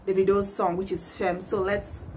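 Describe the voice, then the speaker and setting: A woman's voice: medium pitch, little pitch movement, moderate pace, a little mellow, a little hiss or hum. A young woman, chatting casually and laughing often as she hosts a reaction vlog from a small indoor room. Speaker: YouTube reaction vlogger. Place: small indoor room, patterned wall backdrop.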